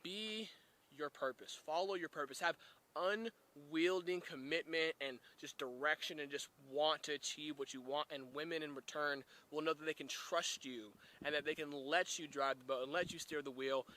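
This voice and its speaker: A young man talks to camera about relationships in a casual, emphatic way, peppering every thought with "man" and "right?". His voice sits a little high and sounds bright and forceful. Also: normal speed. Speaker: dating advice vlogger. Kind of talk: casual direct-to-camera advice talk.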